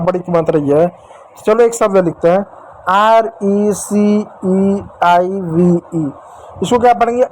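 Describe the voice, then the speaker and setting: A man's voice: high voice, darkish tone, a little hiss or hum, low-quality recording. A male teacher giving a whiteboard spelling lesson, repeating himself and asking and answering his own questions. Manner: addresses viewers as dear children. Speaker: English teacher.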